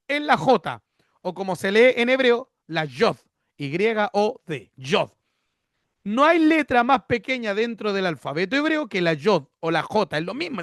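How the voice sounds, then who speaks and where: A man's voice: sits high, fairly bright tone, dry recording, studio quality. A man, a pastor giving a teaching sermon, who explains patiently, repeats key words and asks and answers his own questions.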